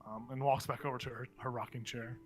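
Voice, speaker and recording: A man's voice: medium pitch, little pitch movement, fast talker, faint music behind. A man working as game master, casually narrating a tabletop role-playing session.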